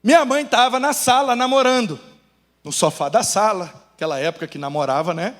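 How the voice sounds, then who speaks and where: A man's voice: sits high, fairly quick, long reverb tail. A man, a pastor with a Brazilian Portuguese accent, preaching a sermon full of humorous family stories. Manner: animated storyteller, shifts between voices. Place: church.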